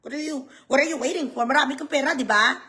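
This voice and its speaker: A woman's voice: high-pitched, fast talker, bright, forceful tone. A woman ranting in a vlog, mocking and sarcastic, swearing freely. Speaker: vlogger.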